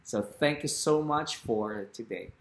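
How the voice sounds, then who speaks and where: A man in his forties giving a short vlog sermon from his living room, speaking earnestly and quoting scripture into a laptop webcam. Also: mid-range voice. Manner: slow, earnest preaching with Bible quotes. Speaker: pastor. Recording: echoey home room.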